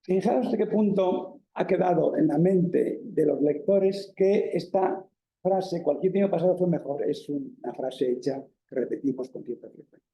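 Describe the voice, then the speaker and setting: A man from Spain teaches a university lecture in a reverberant lecture room, his Peninsular Spanish accent carried by a mellow, fairly high voice with vocal fry. Unhurried, he explains things step by step, leaning on fillers and tag questions.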